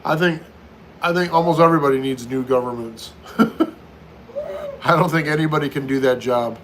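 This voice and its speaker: A man's voice: mid-range voice, moderate pace, slight background noise, rough recording. An American man in his fifties chatting casually on a live stream, answering viewer questions one after another and often repeating himself. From United States. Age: 50s. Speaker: livestream host.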